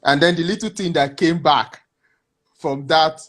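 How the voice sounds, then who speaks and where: A man, a guest on a video call, telling his story haltingly with many restarts. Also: fairly high pitch, a bit bright. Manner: hesitant, many restarts, reflective. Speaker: interview guest. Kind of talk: casual interview answers.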